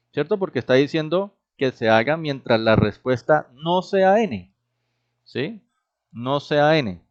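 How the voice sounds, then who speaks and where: Man teaching a programming class. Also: medium pitch. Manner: explains step by step, checks in with the class often. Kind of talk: classroom lecture. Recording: dull, lo-fi recorded class.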